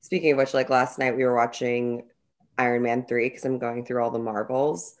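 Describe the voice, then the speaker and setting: A young podcast co-host talks casually in a bass voice, her intonation fairly even and her pace moderate. She rambles, speaks in bursts, and uses "like" a lot.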